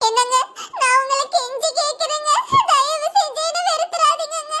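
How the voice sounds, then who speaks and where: A woman's voice: extremely high pitch, brisk, bright, forceful tone. A woman voicing a meek, heartbroken young wife in a cartoon who pleads tearfully. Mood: pleading. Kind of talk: cartoon voice acting.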